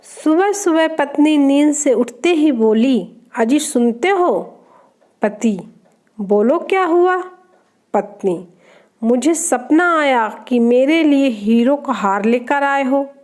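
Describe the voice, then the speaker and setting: A woman's voice: high-pitched, expressive, takes it slowly, a little mellow. A woman reading short jokes aloud, naming each speaker before their line. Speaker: joke reader.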